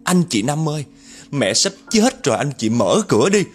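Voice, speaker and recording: A man's voice: fairly high pitch, very animated, normal speed, husky, faint music behind, voice pushed up. A man voicing a panicked young woman who wails and begs at a door in a spoken horror story. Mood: frantic pleading. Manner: frantic, wailing pleas.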